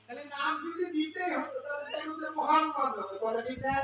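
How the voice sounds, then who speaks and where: A male preacher with a Bangladeshi Bengali accent giving a fiery sermon. He shouts rhetorical questions at the crowd and chants Arabic prayers melodically. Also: very high-pitched, brisk, a little hiss or hum. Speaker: Islamic preacher. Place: religious gathering. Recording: echoey distant hall, lo-fi and dull.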